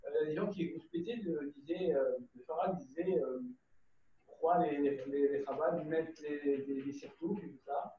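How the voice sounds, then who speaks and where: A man's voice: on the high side, moderate pace. A man taking part in a class over a video call, telling a story hesitantly with many fillers and repeated words. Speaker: class participant. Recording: distant, roomy, muffled call audio with faint noise.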